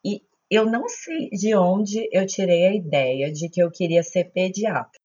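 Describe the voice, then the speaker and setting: A woman's voice: fairly low pitch, animated, a little slow, a little mellow, slightly rough, dull audio. A woman in her thirties with a Brazilian Portuguese accent, telling stories in a chatty, informal, self-mocking podcast style. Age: 30s. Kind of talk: casual podcast storytelling.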